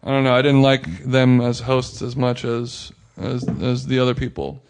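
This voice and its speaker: A man's voice: medium pitch, steady tone, moderate pace. Rambling man in casual podcast chat. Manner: rambling, hedging with fillers. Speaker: podcast co-host.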